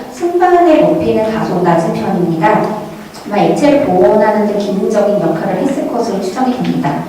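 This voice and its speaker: At a museum conference, a woman with a warm, higher-pitched voice gives a formal, prepared academic presentation. She's recorded from a distance in a large, very echoey indoor hall, with faint background noise.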